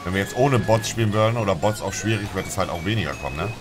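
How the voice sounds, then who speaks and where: A man's voice: low-pitched, animated, very fast, music in the background. A young man giving casual, slangy, grumbling gameplay commentary as a streamer among friends. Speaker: gaming streamer.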